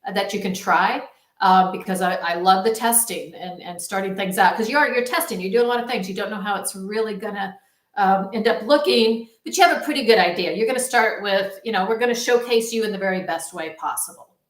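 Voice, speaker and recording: Brisk and medium-pitched, this woman delivers a casual, rambling sales talk in the role of a supportive phone marketing coach. Her speech is informal, captured in an echoing, roomy recording.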